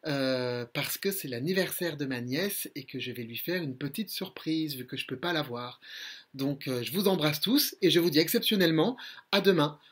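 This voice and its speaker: A man reading a children's story aloud with lively expression, then signing off with soft casual chat. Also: fairly high pitch, breathy edge. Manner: lively expressive reading, softer chatty sign-off.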